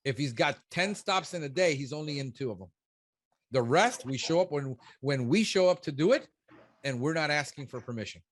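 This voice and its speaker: A man's voice: fairly high pitch, lively intonation, fairly quick, no echo. A man in his fifties, a business consultant, giving blunt and emphatic one-on-one coaching. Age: 50s. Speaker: pest control business consultant.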